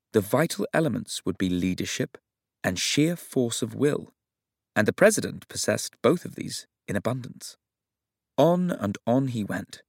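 A man reading a novel aloud as narrator in a measured, even storytelling manner. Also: on the low side, gravelly, husky, no echo, studio quality. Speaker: audiobook narrator. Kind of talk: scripted narration.

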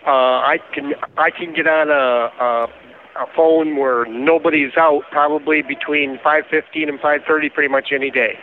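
An older man speaking on a prison phone, halting, with pauses and restarts. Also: fairly high pitch, steady tone. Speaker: incarcerated interviewee. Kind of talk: phone interview. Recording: tinny prison phone line, faint hiss.

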